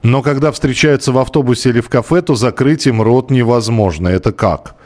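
A man's voice: mid-range voice, brisk, a little mellow. A man hosts a talk show. He reads listener messages aloud and talks about them in an easy, conversational way, sometimes stumbling over a word. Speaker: radio show host.

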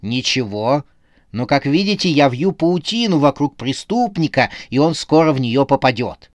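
A man's voice: medium pitch, expressive, normal speed, no echo, natural voice. A man voicing a brash female squirrel who plays detective in a comic horror audiobook, bossy and theatrical, jumping to accusations.

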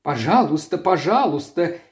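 A man's voice: high voice, lively intonation, a little slow, darkish tone, pitched above the performer's own voice. A man voicing a haughty, jealous aristocratic woman who mocks and sneers, in an audiobook reading. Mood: mocking. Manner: mocking, sneering.

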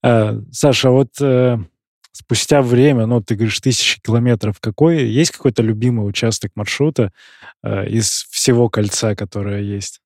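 A man's voice: mid-range voice, steady tone, moderate pace, a little mellow, no echo, studio quality. A man hosting a podcast interview, asking friendly, curious questions in a casual way. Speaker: podcast host.

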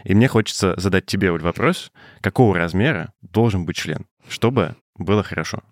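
A man's voice: low-pitched, a little fast, dry recording, clean studio sound. A man chatting casually as a podcast guest, with a speech impediment that keeps him from rolling his r's. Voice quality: soft, non-rolled r (speech impediment on r).

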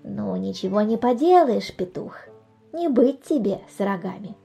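A woman voicing a calm, know-it-all female centipede who lectures slowly in a storybook reading. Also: mid-range voice, gravelly, slightly rough, soft background music. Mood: calm lecturing.

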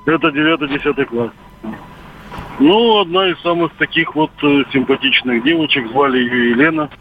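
A man in his fifties calling into a radio show over a landline phone, telling his story haltingly with many pauses and filler sounds. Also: fairly high pitch, music in the background. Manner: hesitant, filled with "uh" pauses and hedging phrases. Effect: heard over a landline phone. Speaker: caller. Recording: tinny phone line, faint noise.

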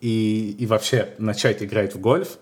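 Low-voiced man musing on a podcast. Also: steady tone, darkish tone. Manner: musing, storytelling, unhurried with hesitations. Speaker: podcast co-host. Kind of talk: casual podcast chat.

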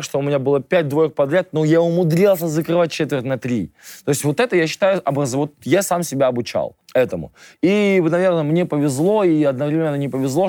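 A man's voice: mid-range voice, a little mellow, dry recording. A man guest in a radio studio interview, talking casually and emphatically, pushing his opinions hard. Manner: emphatic, opinionated, rants with rising force.

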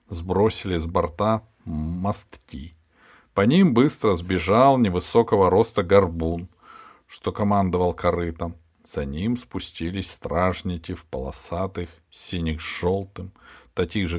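A man narrating a children's adventure book in an unhurried, expressive reading. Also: sits low. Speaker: audiobook narrator. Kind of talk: scripted storybook narration.

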